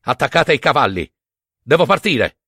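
A man playing a wronged, furious king who speaks in stern, low commands. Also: sing-song, moderate pace, sharp tone, husky, no echo, clean studio sound, exaggerated voice. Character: Menelaus, wronged proud king, grim and furious.

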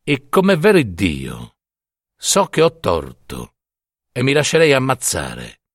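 A man's voice: mid-range voice, huge pitch swings, slow pace, dry recording, clean studio sound, heavily acted. A man voicing a defiant, guilt-ridden young peasant in a storybook reading, speaking in earnest oaths. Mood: solemn.

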